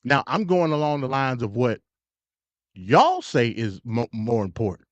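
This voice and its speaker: Very animated yet a little slow, this medium-pitched man is heard on a dry recording. The American live-stream host shares opinionated, casual political views, emphatic and full of slang, repeating himself and stuttering conversationally. The audio is dull and lo-fi.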